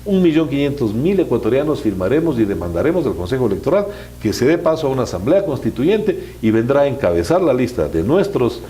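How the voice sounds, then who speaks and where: A man's voice: medium pitch, very animated, brisk, warm tone, slight background noise. A man giving political answers as an interview guest.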